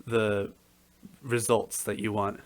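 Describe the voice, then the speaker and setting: A man hosting a podcast, asking a guest measured, friendly questions with the occasional filler. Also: lowish voice, flat delivery. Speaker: podcast host. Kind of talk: interviewing a guest.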